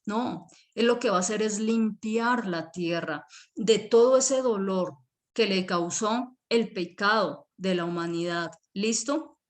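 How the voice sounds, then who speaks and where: Woman preaching, mid pitch, explains slow and repeats stuff, keeps asking listo. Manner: explanatory, repeats key words, checks in with listeners. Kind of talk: sermon teaching. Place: church online service.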